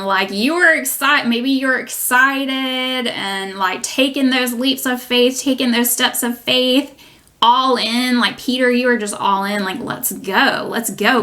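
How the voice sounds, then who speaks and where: A woman minister giving a gentle, reassuring devotional teaching with many small fillers. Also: medium pitch. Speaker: prophetic minister.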